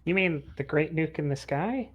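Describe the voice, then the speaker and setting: A man's voice: fairly high pitch, animated, normal speed, breathy edge. A man playing a tabletop game, teasing the others in casual banter. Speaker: player. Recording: group chatter behind.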